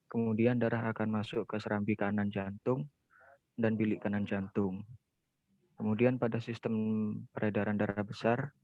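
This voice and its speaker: Quiet young man on a tinny line. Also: lowish voice, no room sound. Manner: quiet, flat, steady explaining. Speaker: student. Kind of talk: answering in an online class. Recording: dry, tinny phone-like call audio.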